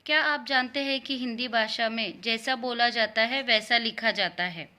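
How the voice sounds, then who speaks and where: A woman teaching a Hindi grammar lesson to young children, explaining patiently and repeating words slowly for her pupils. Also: fairly high pitch, pushed and bright.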